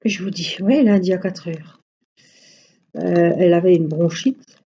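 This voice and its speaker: Dark-voiced woman chatting casually. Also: fairly low pitch, a little slow, lo-fi sound, slight background noise. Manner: chatty, rambling anecdotes. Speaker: craft live-stream host. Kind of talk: casual chat on a live stream.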